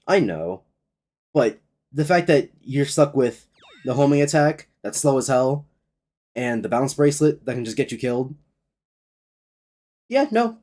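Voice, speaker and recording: A man's voice: medium pitch, a little mellow. A young man giving casual, sweary game commentary in a sardonic, griping manner. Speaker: gaming streamer.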